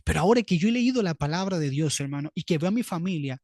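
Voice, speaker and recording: A man's voice: fairly high pitch, animated, fast talker, darkish tone, no room sound, studio quality. A man preaching an earnest sermon, often calling his listeners brother. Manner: earnest, keeps addressing listeners as "hermano". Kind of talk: sermon teaching.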